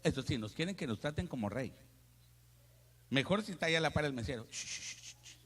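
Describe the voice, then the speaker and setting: A man, a pastor, preaching a lively sermon full of jokes and asides, calling his listeners brother. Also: a little high, fast. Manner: animated, joking, addresses listeners as brother. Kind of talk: lively Spanish sermon with humor. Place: church hall. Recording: long church reverb.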